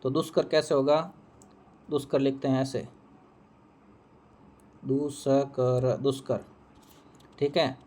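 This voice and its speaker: A man's voice: medium pitch, fairly even intonation, moderate pace, pauses often, a little mellow. A man teaching Hindi, walking through an exam answer key, who repeats each answer and asks and answers his own questions.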